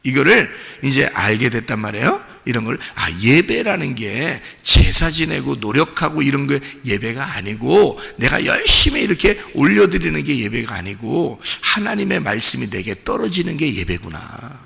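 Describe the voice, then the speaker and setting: Gravelly, animated Korean pastor preaching. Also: male voice, mid-range voice, normal speed, hardly any pauses. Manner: lively, folksy preaching with acted-out dialogue, rising to shouts. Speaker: senior pastor. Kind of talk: sermon. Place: church sanctuary. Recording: long hall reverb.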